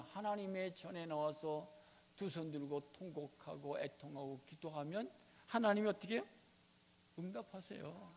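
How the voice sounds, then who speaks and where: Gravelly-voiced pastor preaching in a church. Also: male voice, high voice, slight background noise. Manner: emphatic, asks the congregation rhetorical questions. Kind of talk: sermon. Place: church sanctuary. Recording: reverberant church sanctuary.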